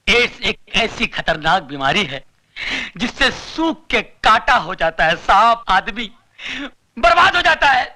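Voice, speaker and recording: A panicky, blustering comic coward. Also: male voice, very high voice, sharp tone, full character voice. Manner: rambling, theatrical, preachy then panicky. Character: cowardly blustering comic man, fast-talking and excitable. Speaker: comic brothel visitor posing as social worker. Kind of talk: 1990s Hindi film comic acting.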